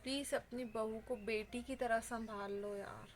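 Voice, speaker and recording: A woman's voice: fairly high pitch, steady tone, unhurried, a little hiss or hum. A woman vlogger giving heartfelt advice straight to her viewers, earnest and pleading in a conversational way.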